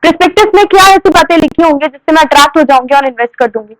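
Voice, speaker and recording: A high-pitched young woman lectures a classroom on commerce. She keeps asking questions and answering them herself, and her voice sounds dry and close. Her tone turns firm when she scolds the class. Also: rapid-fire, a bit bright, dry recording, poor audio. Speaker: teacher.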